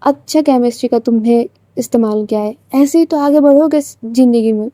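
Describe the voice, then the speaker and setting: A woman's voice: a little high, brisk, dark tone, no room sound, lightly acted. A woman voicing an indulgent male school principal praising cheerfully. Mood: pleased.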